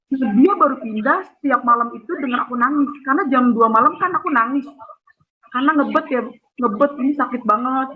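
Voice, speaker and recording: A woman from Jakarta with a Betawi accent, telling her personal testimony in an animated way over a phone call. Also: sits high, fairly quick. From Jakarta, Indonesia. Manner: animated storytelling, acting out others' lines. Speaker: guest giving a testimony. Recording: tinny phone line with faint noise.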